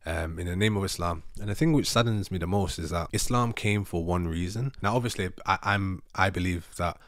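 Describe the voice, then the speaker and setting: In a dry, clean studio-sounding recording, a man in his thirties with a deep voice talks fairly quickly into a handheld microphone held close. He's a vlogger and native Urdu speaker, sitting on the living room sofa at home and chatting casually and reflectively to camera in a rambling way, often correcting himself.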